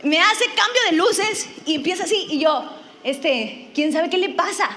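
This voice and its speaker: A woman's voice: very high-pitched, lively intonation, measured pace, bright, forceful tone, faint music behind. A middle-aged woman telling a funny story in a sermon, self-mocking and acting out her own lines. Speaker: preacher.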